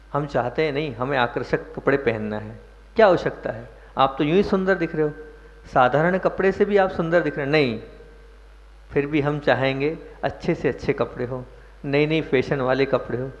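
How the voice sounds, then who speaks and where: A man giving a sermon as a Jain monk, explaining verses and putting questions to his listeners. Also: on the high side. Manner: explains verses, asks the audience questions, stresses words. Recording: muffled echoey hall recording.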